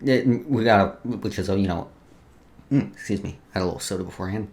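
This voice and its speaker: A let's player gives casual commentary, reading game lore aloud and stumbling over the text, with informal swearing and joking asides. His voice is darkish, on the low side, and he talks quickly.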